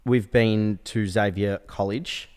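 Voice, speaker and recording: Australian man, lowish voice, upbeat host, reverberant room. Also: fairly even intonation, slow, darkish tone, clean tone. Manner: upbeat, steering the talk. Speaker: podcast host. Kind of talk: casual chat.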